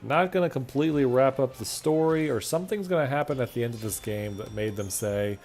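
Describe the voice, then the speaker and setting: A man's voice: mid-range voice, fairly quick, a little mellow. A man streaming a video game, chatting and joking as he thinks aloud. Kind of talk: casual gameplay commentary.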